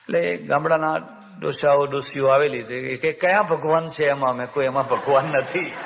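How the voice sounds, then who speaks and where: A man with a Gujarati accent, a swami giving a spiritual discourse, telling lively stories and acting out the villagers he talks with. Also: on the high side, moderate pace, creaky, slight background noise. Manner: animated storyteller who acts out the villagers in dialogue. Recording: dull, lo-fi, with long hall reverb.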